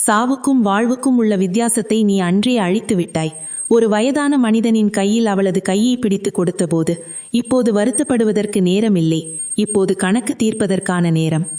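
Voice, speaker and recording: A woman's voice: mid-range voice, moderate pace, mellow, close to an everyday voice. A woman reading as a stern betrayed husband. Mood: grim. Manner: harsh, accusing.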